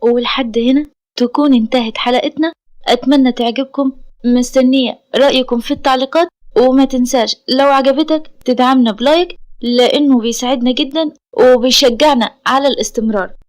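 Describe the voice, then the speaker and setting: Brief: Egyptian female storyteller, high voice, steady scripted narration. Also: a little fast. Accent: Egyptian Arabic.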